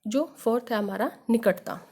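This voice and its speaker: A woman's voice: fairly high pitch, moderate pace, a little mellow, husky. A woman teacher explaining grammar step by step, working through examples and asking rhetorical questions. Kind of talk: Hindi grammar lesson.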